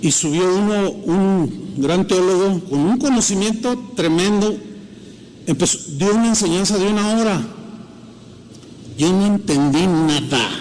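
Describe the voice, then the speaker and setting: High-voiced Mexican pastor telling a story. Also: male voice, a little slow, slight background noise, low-quality recording. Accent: Mexican Spanish. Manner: animated storyteller, acts out dialogue. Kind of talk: sermon storytelling.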